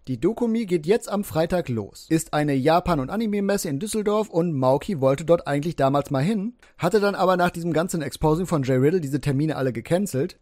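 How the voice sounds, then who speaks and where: A German man with a slightly high voice walks through the details of online drama in a measured, explanatory way. The sound is close and dry, with no room around it. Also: darkish tone, no echo. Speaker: commentary channel host. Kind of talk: drama commentary.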